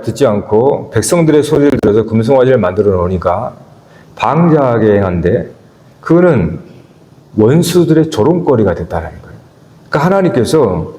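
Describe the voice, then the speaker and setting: A man preaching a sermon as pastor of a church, asking the congregation questions and swinging between emphatic peaks and low, quiet stretches. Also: big pitch swings, moderate pace. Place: church sanctuary. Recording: echoey church hall with long reverb.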